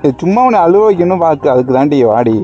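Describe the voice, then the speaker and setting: A man's voice: fairly high pitch, expressive, quick pace, dull audio, music in the background. A young man with a Tamil accent, chatting casually outdoors with his best friend, teasing her and then coaxing and apologising. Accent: Tamil Nadu. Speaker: vlogger pulling a prank on his best friend. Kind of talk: casual outdoor prank chat.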